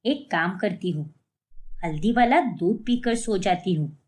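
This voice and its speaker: A woman voicing a homely, fussy older mother-in-law in a cartoon story, in a lowered, aged voice and a scolding manner. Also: animated, measured pace, a little mellow, natural voice. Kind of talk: cartoon voice acting.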